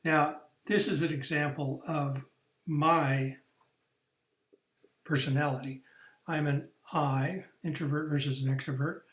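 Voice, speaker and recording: A man talks through a recorded career-training lesson in a somewhat high voice. He explains the steps patiently, with fillers and false starts. The sound is echoey, as if recorded in a bare room. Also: steady tone, a little slow, pauses often, fairly bright tone. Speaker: career coach.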